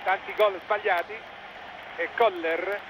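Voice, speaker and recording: A man's voice: sits high, steady tone, slow, background noise. An Italian man giving live football match commentary in clipped phrases, rising with the play, on an old television broadcast.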